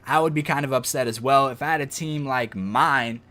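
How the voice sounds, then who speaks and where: A man giving casual commentary as he plays a football video game, breaking into excited, loud outbursts at the plays. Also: mid-range voice, moderate pace. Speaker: gaming video host.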